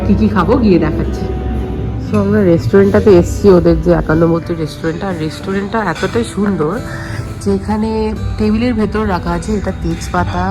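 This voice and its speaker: Chatty vlogger over music. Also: mid-range voice. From West Bengal, India. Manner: chatty, talking straight to viewers, sprinkling in English words. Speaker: travel vlogger. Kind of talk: casual travel vlog.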